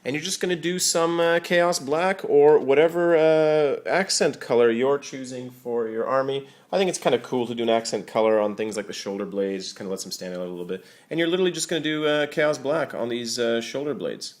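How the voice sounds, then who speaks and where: In a casual how-to demo on hobby painting, a young man talks loosely and fairly quickly in a mid-range voice, barely pausing. He sounds relaxed and leans on fillers like "uh" and "you know."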